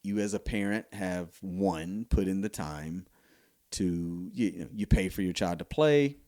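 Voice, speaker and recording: Middle-aged male podcast host, low voice, loose rambling delivery full of restarts. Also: measured pace, a little mellow. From United States. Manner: rambling, many fillers and restarts. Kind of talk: casual solo commentary.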